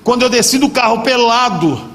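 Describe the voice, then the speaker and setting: A man's voice: very high-pitched, lively intonation, normal speed, fairly bright tone. A man preaching a dramatic testimony at a church convention, acting out the voices in his story. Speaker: pastor. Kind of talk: sermon testimony.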